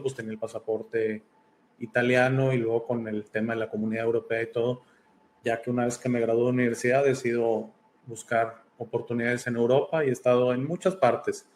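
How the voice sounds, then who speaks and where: A man's voice: mid-range voice, a little hiss or hum. A man born in Italy and raised in Mexico, a podcast host talking as a guest over a video call, thoughtful and hesitant with many fillers. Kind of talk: casual interview chat.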